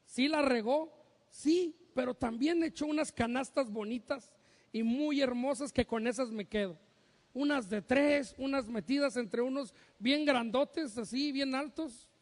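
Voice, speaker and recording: Pastor, very high male voice, jokey preaching that acts out family voices, long church-hall reverb. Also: a little slow. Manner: humorous, acts out parents' and sons' voices. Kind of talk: sermon.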